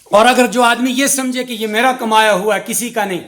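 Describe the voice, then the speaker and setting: A man's voice: very high-pitched, steady tone, a bit bright. A middle-aged man giving a religious sermon as a mufti, preaching in rhythmic, repetitive lists.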